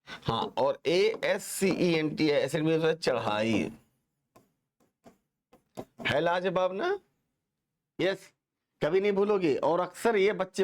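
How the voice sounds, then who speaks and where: थोड़ी ऊँची आवाज़ वाला एक पुरुष शिक्षक, कक्षा में जोश और मज़ाक के साथ पढ़ाता हुआ। बार-बार छात्रों से सवाल पूछता है और शब्द दोहरवाता है।. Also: male voice, fairly high pitch. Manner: animated, joking, asks students to repeat. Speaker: teacher. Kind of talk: lively classroom lesson.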